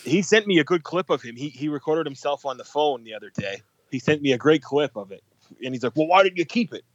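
A man's voice: a little high, brisk, dry recording. Male co-host on a phone call, easygoing and profane, muffled line. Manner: laid-back, swears and laughs easily. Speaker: podcast co-host. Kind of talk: casual chat.

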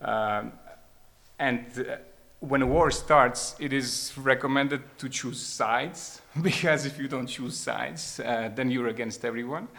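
A man's voice: mid-range voice, slow, creaky, a bit bright. A man, speaking reflectively about his experience and often hesitating and repeating words as he thinks. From Croatia. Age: 30s. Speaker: speaker sharing personal experience. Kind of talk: reflective spoken testimony.

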